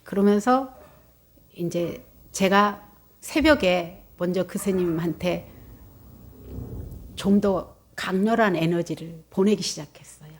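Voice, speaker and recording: Buddhist nun telling a lively story. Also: female voice, lowish voice, slow, long pauses, slight background noise. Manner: lively storytelling, acting out quotes, gasping. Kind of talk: dharma talk. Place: meditation center.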